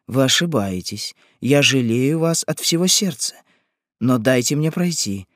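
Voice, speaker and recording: A man reading an audiobook, voicing a gentle, dignified queen who pleads softly. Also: mid-range voice, expressive, measured pace, no echo, clean studio sound. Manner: soft, pleading, restrained. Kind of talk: audiobook character voice.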